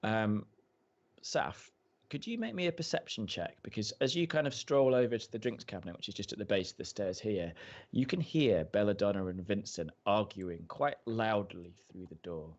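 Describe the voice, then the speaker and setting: A man's voice: fairly low pitch, lively intonation, moderate pace. A man narrating a tabletop game as game master, in a loose, filler-heavy way, on dull lo-fi podcast audio.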